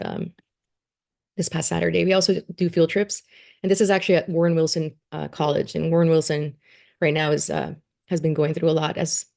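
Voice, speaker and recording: An education program coordinator presents her youth science program at a community meeting. Her voice is low and gravelly with steady vocal fry, and she comes across as earnest and loose, with many ums and restarts.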